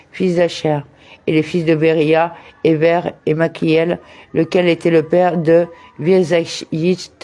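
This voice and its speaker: Mellow man reading a religious commentary. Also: a little high. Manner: measured reading, with Hebrew terms and verse references. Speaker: reader of a daily study text.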